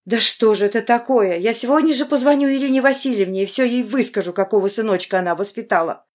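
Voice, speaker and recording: A woman's voice: on the high side, expressive, voice pushed up. A woman voicing a worried, doting middle-aged mother who fusses over her daughter on the phone in an audiobook. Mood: anxious, doting. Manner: anxious, doting and brisk.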